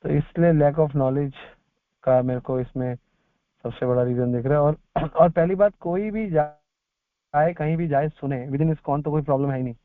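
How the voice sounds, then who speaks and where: A man's voice: fairly high pitch, measured pace, dry recording. Man counseling over a tinny line. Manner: advising, repeats points for emphasis. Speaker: spiritual counselor. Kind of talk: answering a devotee's question. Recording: tinny dry phone line.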